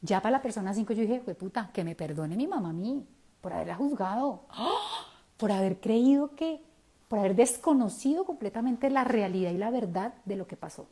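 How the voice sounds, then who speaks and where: A Colombian woman in her forties, a self-help speaker, telling a personal story in a candid, animated way with slangy asides. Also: mid-range voice, moderate pace, slightly rough.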